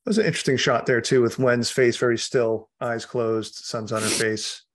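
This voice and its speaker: A man's voice: medium pitch, steady tone, moderate pace. A man, an author guest, chatting casually through a film commentary, laughing often and restarting his sentences.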